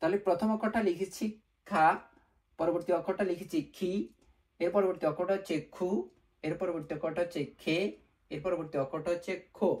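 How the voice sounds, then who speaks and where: A man's voice: high-pitched, steady tone, a little fast, pauses often, darkish tone. A man teaching a beginner lesson step by step, patiently repeating each sound and asking rhetorical questions, with English words slipped into his speech. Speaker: language teacher.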